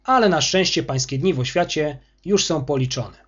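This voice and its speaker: A domineering, harsh school superintendent in an audiobook scene, performed by a male reader. His voice sits high, swoops with anger, and has a husky edge. The recording sounds muffled and lo-fi. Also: lively intonation, moderate pace. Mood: angry. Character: angry arrogant male school superintendent, bullying official.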